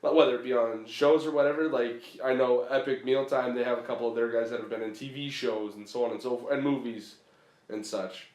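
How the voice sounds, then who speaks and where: A man co-hosting a podcast in casual chat, excitable and full of profane banter. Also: mid-range voice, brisk. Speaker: podcast co-host. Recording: roomy echo.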